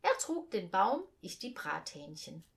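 A woman reading a children's story aloud in an expressive storytelling manner. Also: on the low side, a little slow, vocal fry.

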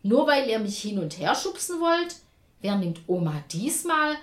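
A woman voicing a cheerful, carefree grandmother on holiday, talking brightly and loudly. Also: fairly high pitch, sing-song, unhurried. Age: older. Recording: roomy echo.

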